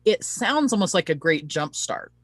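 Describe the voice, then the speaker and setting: A woman hosts an online interview show in a casual promotional live stream, talking in an earnest, chatty, rambling manner. Her low-pitched voice swings widely in pitch at a normal speed. The audio is studio quality with no room sound.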